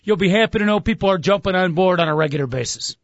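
A man's voice: sits high, fast, no echo, highs cut off. A man hosting a sports talk show with wry, joking banter.

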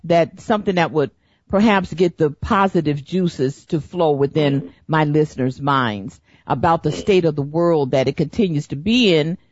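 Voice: medium pitch, no room sound. Rambling middle-aged radio host. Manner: rambling, searching for words. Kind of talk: casual radio talk. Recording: dull lo-fi recording.

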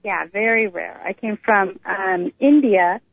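A middle-aged woman from Northern California, United States, tells her personal story as an interview guest, talking informally and conversationally at an unhurried pace. Her medium-pitched voice has a gravelly fry, and it comes through a narrow, tinny phone line on a dry recording.

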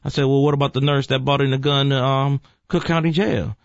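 Man, mid-pitched voice, easygoing storyteller, dry lo-fi sound. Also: steady tone, fairly quick, creaky, no echo. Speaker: talk show co-host. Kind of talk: casual opinion chat.

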